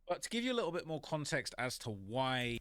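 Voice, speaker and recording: A man's voice: medium pitch, sing-song, a little fast, a bit bright, clean tone, no echo. Man narrating a story in a dry, close sound. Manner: conversational, with many fillers like "you know" and "basically". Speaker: YouTube narrator.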